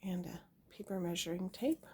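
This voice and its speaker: Young woman vlogging at home on her camera, lower voice, laughs a lot, um's everywhere. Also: moderate pace, mellow, a little hiss or hum. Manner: chatty, giggly, many fillers. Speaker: homesteading vlogger. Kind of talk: casual show-and-tell. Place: home indoors.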